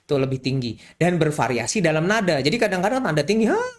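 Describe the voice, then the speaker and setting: A man, a doctor, explaining things in a casual, chatty way, animated and often repeating key words. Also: on the high side, fast talker. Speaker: doctor explaining infant health.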